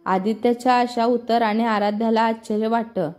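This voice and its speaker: A woman narrating a serialized family and romance story in a steady, plain reading voice. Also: a little high, moderate pace. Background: faint music.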